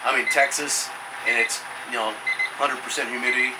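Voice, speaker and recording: A man in his fifties rambles through a casual vlog while soaking in ice cold water, sounding slightly strained by the chill. His voice is mid-pitched and sits at a distance from the mic. A clear machine-like noise runs behind him. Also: normal speed. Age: 50s. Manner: rambling, chatty. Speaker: product reviewer. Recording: distant mic, loud steady machinery hum.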